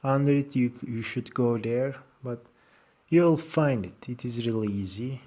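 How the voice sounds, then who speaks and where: A man with a Turkish accent presenting an informal software tutorial in halting, short fragmented phrases of non-native English. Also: mid-range voice.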